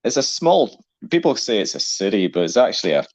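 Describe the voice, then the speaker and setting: A man's voice: lowish voice, big pitch swings, brisk, dry recording. A man with a mixed Danish and Scottish accent, chatting bluntly as a guest on a live stream over his mobile phone. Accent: Danish-Scottish mix. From Denmark. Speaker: guest caller. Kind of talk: casual chat.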